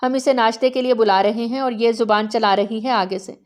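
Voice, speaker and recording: A woman's voice: on the high side, fairly even intonation, darkish tone, lightly acted. A woman voicing a harsh, domineering grandmother in her seventies or older who scolds sharply in a storybook reading. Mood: scolding.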